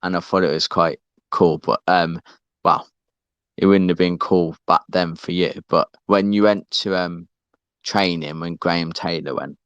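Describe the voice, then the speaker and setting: Very deep, smooth-voiced man hosting a chat. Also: steady tone, a little slow, a bit bright, no room sound, lo-fi sound. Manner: hesitant, full of fillers when asking a question. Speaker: host. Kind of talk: casual chat on a live audio chat.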